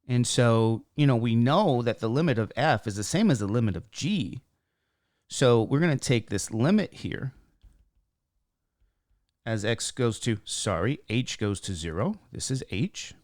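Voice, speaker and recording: A man with a slightly squeaky voice teaching math informally, talking through each step and posing questions he then answers himself. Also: expressive, unhurried, long pauses, a little mellow, dry recording, studio quality. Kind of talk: informal worked-example lesson, thinking aloud.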